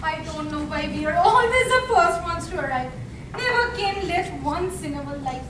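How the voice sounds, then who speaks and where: Very high, echoey, sarcastic flustered wife played by an actress. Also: female voice, expressive, normal speed. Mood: panicked. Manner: sarcastic, exasperated. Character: flustered, sarcastic wife, a lawyer, panicking at a party. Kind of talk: stage farce acting. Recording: echoey noisy hall, far from microphone.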